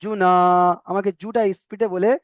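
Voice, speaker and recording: A man with a high voice leads an online Quran reading class, patiently spelling out Arabic letters and drawing them out slowly. His voice sounds dry and close, with a dull, lo-fi quality from the call. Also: darkish tone, no room sound.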